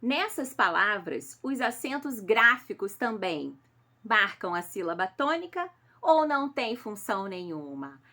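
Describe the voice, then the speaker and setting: A woman's voice: mid-range voice, very animated, unhurried, pushed and bright. A Brazilian woman teacher correcting homework in a recorded class, patient and affectionate, explaining step by step and checking in with her pupils. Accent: Brazilian Portuguese. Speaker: schoolteacher.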